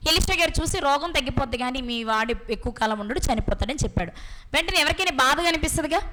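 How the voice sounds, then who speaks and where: A woman preacher giving a sermon, posing questions to her listeners and answering them, and reading scripture slowly. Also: sits high, bright, forceful tone, a little hiss or hum, rough recording.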